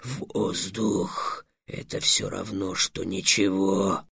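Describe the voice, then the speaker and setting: A man voicing a gloomy, grumbling old male dragon who talks low and slow. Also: level tone, vocal fry, a bit bright, husky, no room sound, clean studio sound, full character voice.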